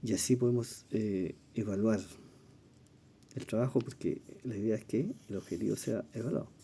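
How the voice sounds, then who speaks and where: A Chilean man with a very dark, mellow voice leads an exam-prep lesson. He explains each question patiently, thinking aloud, pausing on fillers and asking "¿ya?" as he goes. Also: on the low side, a little hiss or hum. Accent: Chilean Spanish. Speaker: teacher reviewing exam questions.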